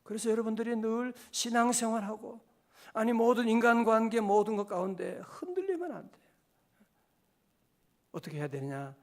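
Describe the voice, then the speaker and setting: A man's voice: very high-pitched, fairly quick. A male pastor preaching a dawn prayer sermon in a church, fervent and rising to emphatic exhortations. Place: church sanctuary.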